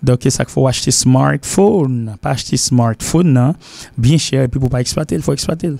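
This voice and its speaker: A man's voice: medium pitch, moderate pace, gravelly, mellow, no room sound, clean studio sound. Rambling Haitian man teaching on TV. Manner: rambling, repeats himself, mixes languages. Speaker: English teacher and show host. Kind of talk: TV lesson talk.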